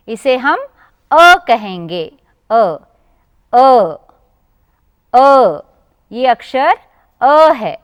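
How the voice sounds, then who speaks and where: A woman teacher with an Indian Hindi accent giving a televised lesson to children, drawing out each sound slowly and asking them questions. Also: high-pitched, bright, forceful tone, smooth, no echo, clean studio sound. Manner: slow, drawn-out pronunciation, addressing children directly. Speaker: primary school teacher.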